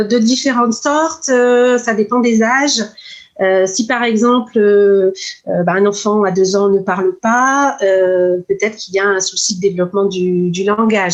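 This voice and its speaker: A woman speech therapist, explaining patiently in an interview, with many pauses and fillers. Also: medium pitch, dull audio. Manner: measured, many hesitations and fillers.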